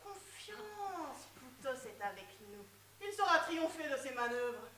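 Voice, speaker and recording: Woman as a high-voiced, cocky Greek fellow. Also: sing-song, slow pace, pushed and bright, full character voice. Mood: urging. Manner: emphatic, colloquial, exasperated. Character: cocky, stubborn Greek man who harbors a god. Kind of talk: farcical stage comedy dialogue. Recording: roomy, distant mic, noisy.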